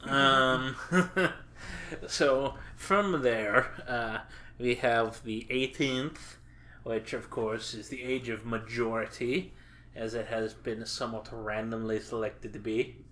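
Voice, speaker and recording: A man casually chatting on a podcast as co-host, halting with lots of filler pauses and dry, crude jokes. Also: medium pitch, fairly even intonation, sharp tone.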